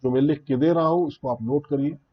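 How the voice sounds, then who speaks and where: A man's voice: on the high side, steady tone, brisk, dull audio. A man teaching a beginners' tabla lesson, explaining rhythm patiently and reciting drum syllables one by one. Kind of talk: spoken music lesson.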